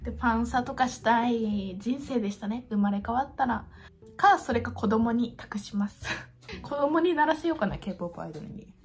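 A woman in her twenties chats casually to camera in an expressive, gushing and self-deprecating way, as a YouTuber in a room at home. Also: on the high side, moderate pace, faint music behind. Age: 20s. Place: small home room, indoors.

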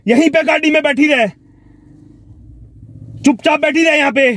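A man's voice: very high voice, moderate pace. A man playing a menacing driver who kidnaps his passenger, threatening and barking orders inside a car. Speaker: driver giving a lift. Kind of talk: hobby skit acting. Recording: loud traffic noise outside.

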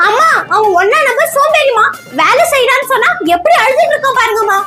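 A woman voicing a cheeky, lazy little girl in a cartoon comedy dub, talking in a high, whiny childlike way. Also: animated, fast, bright, forceful tone, full character voice. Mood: whining. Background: background music.

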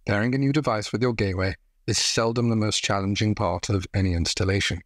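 A man in his thirties hosting a scripted tech explainer from a room at home, with a measured, dry-humored delivery. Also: on the low side, steady tone, no echo. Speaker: tech reviewer host.

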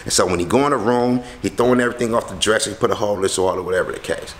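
A young man telling a story casually to a handheld camera in and around his house, slangy and animated, acting out the people he quotes. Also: fairly low pitch, rapid-fire, a little hiss or hum. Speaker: vlogger. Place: house interior and front porch. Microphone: handheld camera close to face.

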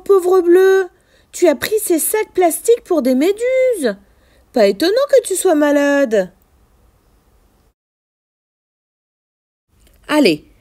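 A woman's voice: sits high, darkish tone. A woman voicing a kind, caring young boy who calls out in a raised, anxious voice.

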